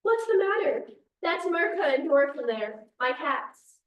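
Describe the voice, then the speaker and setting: Anxious high-voiced woman reading a part. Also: sing-song, a little slow, lo-fi sound. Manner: anxious, suspicious, blunt. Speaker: actor in a staged reading, playing a cat lover. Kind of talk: stage play reading. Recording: echoey room, distant mic, faint noise.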